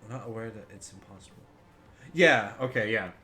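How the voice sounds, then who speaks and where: A man's voice: on the low side, a little fast, pushed and bright. Rambling, profane male podcaster. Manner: rambling, profane, reads articles aloud. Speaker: podcast co-host. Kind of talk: casual podcast chat.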